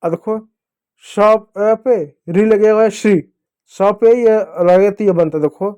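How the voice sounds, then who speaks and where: A man teaching young children to read, speaking slowly and repeating each syllable for them to say after him. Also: sits high, mellow, smooth. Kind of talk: Hindi reading lesson for children.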